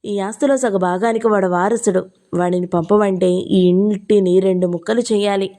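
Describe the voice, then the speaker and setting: A woman voicing a stern, protective young husband who speaks in a forceful, commanding way, in an audio novel. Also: mid-range voice, steady tone, moderate pace, natural voice.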